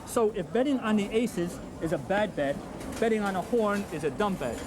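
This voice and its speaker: Heard from an aged VHS tape with music underneath and a noisy background, this instructional video features a man with a high-pitched, lively voice at normal speed. He patiently drills craps odds, pausing to ask "okay?"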